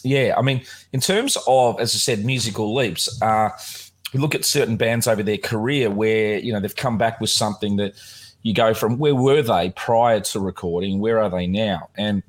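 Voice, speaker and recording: At a moderate pace, a man hosting a podcast talks casually about music in a somewhat low, slightly croaky voice. His speech meanders, full of fillers and fresh starts.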